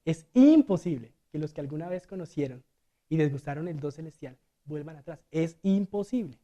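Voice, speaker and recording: A man preaching a sermon as a deacon in a church. He swings between loud and hushed delivery and acts out the quotes. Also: on the high side, expressive, normal speed.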